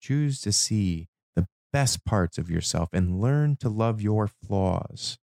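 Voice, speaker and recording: A man performing a spoken-word poetry monologue as a host, with a dramatic, deliberate delivery in short measured phrases. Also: lowish voice, animated, creaky, darkish tone, no echo, clean studio sound. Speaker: podcast host.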